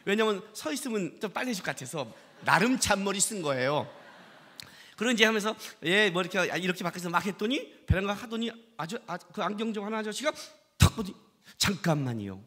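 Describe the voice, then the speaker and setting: A man preaching a sermon at a worship service. He tells his story in an animated way, playing out each quoted line. His voice sits high and swings widely. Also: fast. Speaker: pastor.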